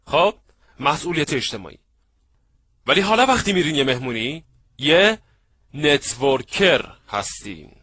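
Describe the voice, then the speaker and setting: Casting note: male seminar trainer, husky edge, dry close sound, lively, acts out scenes. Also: on the high side, pauses often, no room sound. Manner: lively, acts out little scenes, asks the audience if they follow. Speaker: networking trainer. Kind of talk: animated seminar lecture.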